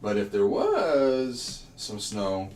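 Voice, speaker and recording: A man's voice: fairly low pitch, wildly swooping pitch, very slow, darkish tone. A young man chatting casually and jokingly as a livestream co-host. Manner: easygoing, joking, grumbles playfully. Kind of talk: casual chat while puzzling. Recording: echoey room, distant mic, noisy.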